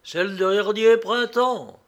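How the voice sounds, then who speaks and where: Un homme jouant un prieur impitoyable et impérieux. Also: male voice, high voice, takes it slowly, voice pushed up. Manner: imperious, insistent. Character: stern, zealous male monk prior.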